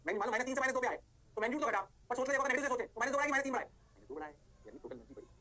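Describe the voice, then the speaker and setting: A man teaching chemistry in an online lecture, energetic, answering his own questions in a students' voice and stressing points by slow repetition. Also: very high-pitched. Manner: repeats words slowly for stress.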